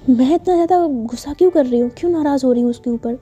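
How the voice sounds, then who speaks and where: A woman's voice: sits high, fast talker, breathy edge, soft background music. A woman voicing a jealous, sulky young woman. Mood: fretful. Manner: sharp, scolding, sulky.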